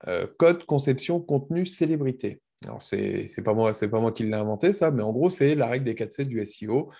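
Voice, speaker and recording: A man's voice: mid-range voice, animated, fairly quick, creaky, warm tone, breathy edge. A man presenting a webinar as a consultant, explaining the basics simply for beginners over a video call.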